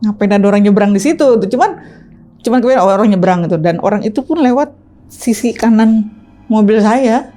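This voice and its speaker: A woman guest telling her own story in a chatty, animated, casual way, tagging her sentences with fillers. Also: mid-range voice, brisk. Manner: chatty, animated, tags lines with "gitu". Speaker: ride-hailing driver, interview guest. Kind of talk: casual first-person storytelling.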